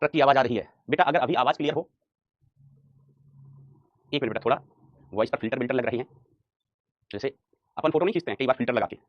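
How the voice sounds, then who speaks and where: A man's voice: mid-range voice, no echo, dull audio. A man teaching a live online maths class, calling students "beta" and answering his own questions. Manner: urges students on with rapid repetitions.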